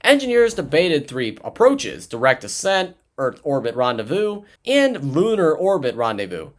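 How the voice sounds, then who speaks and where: A man's voice: on the high side, huge pitch swings, normal speed. A man narrating a history documentary casually, with chatty asides and frequent self-corrections. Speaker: history video host.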